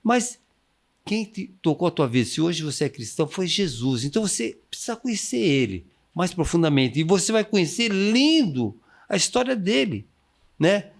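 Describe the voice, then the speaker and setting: This is a man, a missionary, talking on a podcast with a fairly high, very lively voice that rises and falls. He gives his advice with a preacher's fervor and now and then slips into other people's voices to quote them. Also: normal speed, creaky. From Brazil. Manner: exuberant, acts out quoted inner voices, calls for amens. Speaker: missionary guest. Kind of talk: enthusiastic preaching-style advice.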